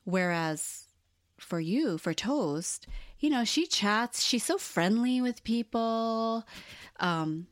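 A woman's voice: fairly high pitch, takes it slowly, dry recording, clean studio sound. A woman from Hawaii co-hosting a podcast in casual chat, acting out voices as she tells stories. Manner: animated storyteller, acts out quoted voices. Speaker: podcast co-host.

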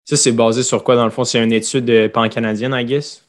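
A man co-hosts a casual podcast about money. He speaks in a relaxed way and often slips in English words. His pitch is in the middle range for a man. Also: a little fast. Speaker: podcast co-host.

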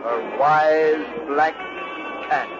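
A man's voice: fairly high pitch, drawn-out words. A man announcing a scripted introduction in 1930s radio style. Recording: muffled noisy 1930s radio recording.

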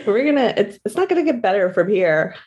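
A woman's voice: medium pitch, very animated, normal speed, darkish tone. A woman chatting casually as a podcast co-host, rambling through anecdotes. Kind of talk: casual chat.

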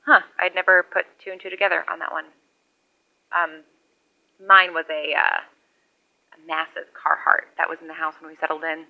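An actress playing a lone, wry survivor rambling into a CB radio years after the collapse. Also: female voice, low voice, level tone, moderate pace, vocal fry, pauses often. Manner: rambling, wry, conversational monologue. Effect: over a CB radio. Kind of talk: audio drama radio log. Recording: muffled lo-fi radio sound.

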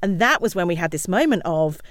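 A woman speaking as an interview guest, telling stories in an animated way and acting out what others said. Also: fairly low pitch, no room sound, clean studio sound. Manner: fast, animated storytelling with acted-out quotes. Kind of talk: conversational interview.

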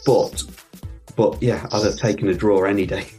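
A man with a fairly low voice hosts a football fan podcast, chatting casually. He hesitates often and fills his speech with ums, with faint music playing behind him. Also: fairly even intonation, normal speed, dark tone. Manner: hesitant, filler-heavy.

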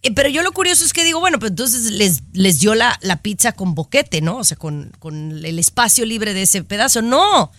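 Animated, bright-voiced woman host. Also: medium pitch, moderate pace, hardly any pauses, dry recording. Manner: playful, chatty and teasing. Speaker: show host. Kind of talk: casual talk show chat.

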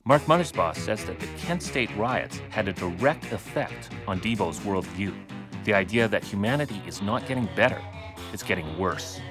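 A man hosting a radio show, reading scripted narration in a measured, even way and interviewing a guest. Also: lowish voice, music in the background. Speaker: radio host.

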